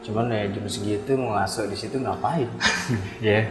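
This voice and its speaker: A man's voice: on the low side, fairly even intonation, normal speed. A man, a podcast host who prompts the guest and chats casually, laughing easily. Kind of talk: casual chat. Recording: roomy echo, reverb, music bed.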